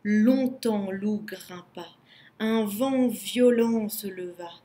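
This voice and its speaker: A woman narrating a children's storybook in a slow, expressive way. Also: mid-range voice.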